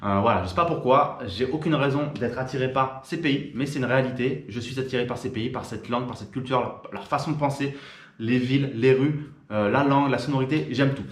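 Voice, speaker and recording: A French man talks straight to the camera in a quick, informal patter, full of fillers and restarts. His pitch sits mid-range. The voice bounces around a roomy, echoing space. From France. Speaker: YouTuber. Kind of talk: casual direct-to-camera talk.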